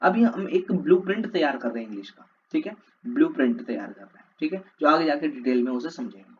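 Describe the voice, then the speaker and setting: A man's voice: a little high, expressive, fast. A male teacher giving an exam-prep lesson, drilling words with repeated call-and-response questions. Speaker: English teacher. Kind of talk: classroom lecture for exam prep. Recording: slightly dull lo-fi audio with faint hiss.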